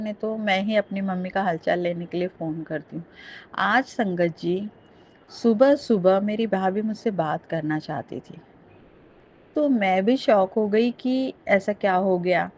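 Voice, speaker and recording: A middle-aged woman earnestly telling a devotional testimony, speaking straight to her listeners. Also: mid-range voice. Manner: earnest, addresses listeners directly. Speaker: satsang storyteller. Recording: dull lo-fi recording.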